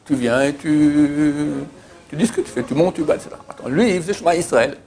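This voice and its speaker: A fairly high-pitched man speaks fairly quickly while teaching Torah informally. He's an animated storyteller whose anecdotes feature emphatic repetitions. Plenty of hesitations fill his talk, with "euh" coming up often.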